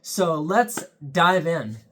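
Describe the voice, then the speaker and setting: A young man reviews a weather radio on his own channel, speaking casually, earnestly, and plainly with frequent ums. His voice is fairly high, bright, and forceful, with big pitch swings and drawn-out words.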